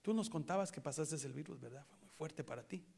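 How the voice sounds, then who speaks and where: A man preaching a sermon with a Latin American Spanish accent, swinging from hushed near-whispers to loud impassioned outbursts in a church. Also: on the high side, animated, fairly quick, gravelly, slightly rough. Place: church sanctuary in Chicago.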